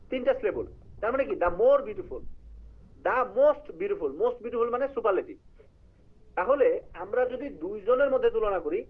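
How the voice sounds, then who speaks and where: A high-voiced man teaches an online English writing class at a quick clip. He explains grammar and puts questions to his students, with English terms scattered through his talk. His voice comes through a narrow, tinny line that sounds like a phone call. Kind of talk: live online class lecture.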